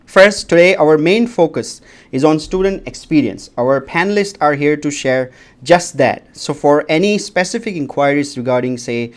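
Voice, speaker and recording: A man's voice: fairly high pitch, expressive, moderate pace. A man moderating a livestream panel, giving formal notes to viewers in a polite, announcing manner.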